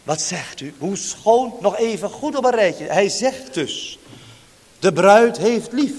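Male pastor, high voice, slow measured delivery, declamatory sermon in a long-reverb church. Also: darkish tone. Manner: fervent, declamatory, rhetorical questions to the congregation.

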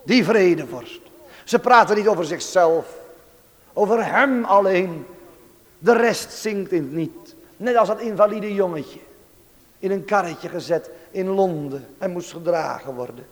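A man preaching a sermon, swinging between hushed tenderness and rising fervor. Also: high voice, a little slow. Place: church. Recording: long reverb of a church hall.

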